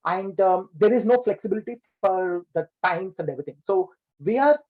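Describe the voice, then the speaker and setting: A man answers interview questions over a bad video call connection. His audio sounds thin and phone-like and keeps cutting out. His voice sits a little high, and he talks at length with many "like, you know" fillers. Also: brisk. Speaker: business owner interviewed as guest. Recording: tinny lossy video call line.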